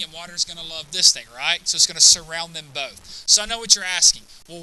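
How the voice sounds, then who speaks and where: Guy teaching chem to a class, really bright sharp voice, kinda high, keeps asking right? okay?. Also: low-quality recording. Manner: quizzes students with frequent "right?" and "okay?". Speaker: chemistry teacher. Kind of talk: classroom lecture.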